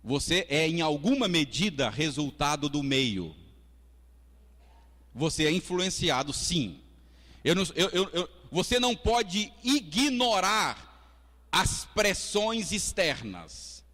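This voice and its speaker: A Brazilian Portuguese-accented pastor with a rather high voice speaks slowly as he preaches a Sunday school sermon in a church hall. He keeps it lively and conversational, chatting with the congregation between points, adding asides and acting out quotes, all under long church reverb.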